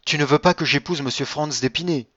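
A man's voice: a little high, fairly quick, pushed and bright, no room sound, dull audio, voice pushed up. A man reading as a pleading tender young woman. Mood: eager. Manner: raised, pleading tone.

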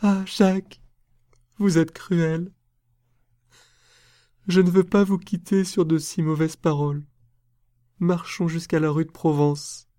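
A man's voice: on the high side, little pitch movement, slow, pauses often, warm tone, no echo, clean studio sound, voice pushed up. A man reading aloud voices a proud, passionate young woman in a storybook, with an impassioned, theatrical delivery. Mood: pleading.

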